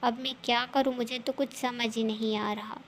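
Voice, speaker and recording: A woman's voice: fairly high pitch, fairly even intonation, moderate pace, a little hiss or hum. A woman doing a weary, put-upon young wife. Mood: pleading. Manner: pleading, gentle.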